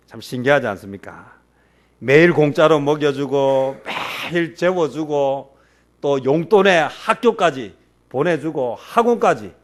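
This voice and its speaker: A middle-aged man preaching a sermon as a pastor, asking rhetorical questions and answering them himself. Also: mid-range voice.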